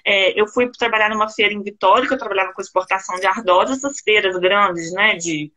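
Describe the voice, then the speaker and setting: Bright, animated Brazilian woman storyteller. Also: medium pitch, fairly quick, low-quality recording. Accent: Brazilian Portuguese. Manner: animated, emotional storyteller who laughs between phrases. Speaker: career coach. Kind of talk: casual storytelling in a live-stream chat.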